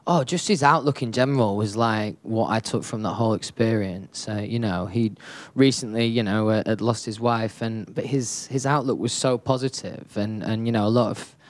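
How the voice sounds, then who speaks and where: A man's voice: on the low side, moderate pace, few pauses, no echo. A young man answering questions in a casual radio interview, laid-back and hesitant, with lots of fillers. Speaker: interview guest, singer.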